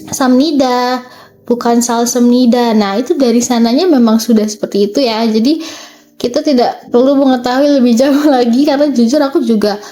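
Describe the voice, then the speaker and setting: A woman's voice: a little high, dark tone. A woman teaching a language lesson, going through workbook exercises step by step in a chatty way and checking in with "okay" as she goes. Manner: explains step by step, reading Korean sentences slowly; chatty, frequent "oke" and "ya". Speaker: Korean language tutor.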